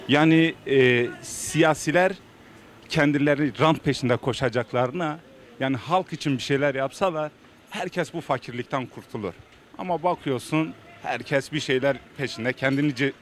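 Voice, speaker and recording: A male shopkeeper, talking plainly and complainingly in a street interview. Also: medium pitch. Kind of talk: spontaneous street interview answer. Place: outdoors on a town street.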